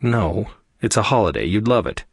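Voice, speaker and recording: A man's voice: on the low side, animated, normal speed, slightly rough, dry recording, studio quality. A man voicing a jumpy, wisecracking young human man in an audiobook, complaining a lot. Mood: breathless.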